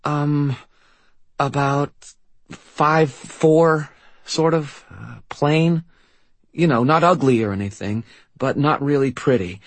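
A man voicing a frightened young woman who answers in halting, hesitant bits. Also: a little high, no echo, pitched above the performer's own voice. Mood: nervous.

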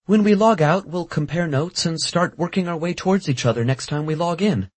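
A man's voice: a little high, a little fast, a little mellow, no room sound, voice pushed up, lightly acted. A man voicing a playful, caring young woman with a raised, pleading voice. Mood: coaxing.

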